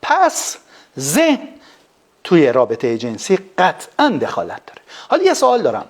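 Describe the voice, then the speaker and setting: Animated male psychologist lecturing. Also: on the high side. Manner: animated, rhetorical questions. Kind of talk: lecture-style live stream. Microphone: phone.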